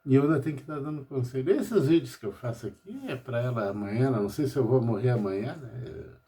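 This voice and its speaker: A man's voice: mid-range voice, lively intonation, quick pace, mellow. An older man from Brazil, a pharmacist talking about his life at home in a rambling personal monologue, tagging nearly every phrase with "né?".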